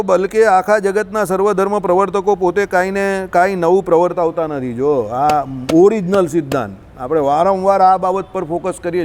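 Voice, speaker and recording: A man's voice: high voice, a little hiss or hum. A man, teaching scripture in a scolding, colloquial way, full of rhetorical questions. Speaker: religious teacher. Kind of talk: scriptural discourse.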